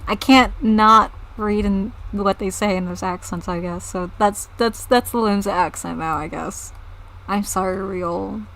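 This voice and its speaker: A woman's voice: medium pitch, fairly even intonation, measured pace, fairly bright tone, rough recording. A woman streaming a story game, reading the dialogue aloud, swearing casually and joking about her own voices.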